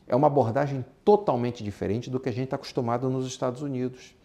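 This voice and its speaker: Speaking quickly in a steady, mellow, mid-range voice, a Brazilian-accented man gives an informal lesson on business and exporting. He repeats his points with emphasis and throws in rhetorical questions, in the manner of a business instructor.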